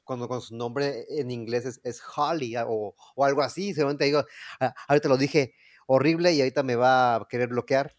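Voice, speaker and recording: A man with a Mexican accent co-hosting a casual comedy chat, talking haltingly with many restarts and jokes. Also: medium pitch, steady tone. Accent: Mexican Spanish. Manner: halting, repetitive, joking. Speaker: podcast co-host.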